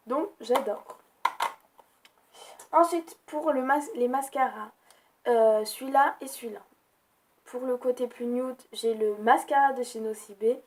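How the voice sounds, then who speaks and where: Slow-talking woman vlogger, slightly high. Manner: hesitant, many fillers, jokey asides. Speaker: beauty vlogger. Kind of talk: casual makeup product review.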